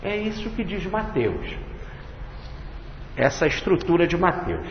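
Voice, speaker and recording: A man's voice: high-pitched, big pitch swings. A man giving a religious study lecture, explaining and listing points one by one. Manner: explanatory, repeats and enumerates points slowly. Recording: echoey hall, dull lo-fi, faint hiss.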